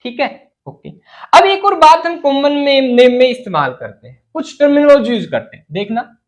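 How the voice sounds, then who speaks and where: A man's voice: very high voice, sing-song, normal speed, low-quality recording. A man teaching chemistry as a lecture. He asks the class questions and then answers them himself, and he drops English terms into his explanations.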